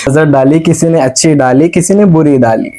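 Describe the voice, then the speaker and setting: A man's voice: a little high, normal speed, warm tone. A man co-hosting a casual vlog, giggly and tripping over his words. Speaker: vlog co-host. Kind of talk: casual chat.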